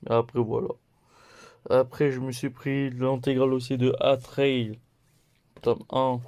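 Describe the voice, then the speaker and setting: Un homme qui présente ses achats de mangas de la semaine sur un ton décontracté, en énumérant les titres un par un et en riant de ses erreurs. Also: male voice, mid-range voice, level tone, darkish tone. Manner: slow, listing titles one by one; playful, laughs at own mistakes. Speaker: manga haul vlogger. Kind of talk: casual haul video chat.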